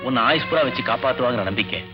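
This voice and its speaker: An actor doing a stern, controlling middle-aged father who lectures his daughter in a firm, paternal voice. A clear film music score plays under his lines. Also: medium pitch, very fast, muffled recording, close to an everyday voice. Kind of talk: 1980s film melodrama acting.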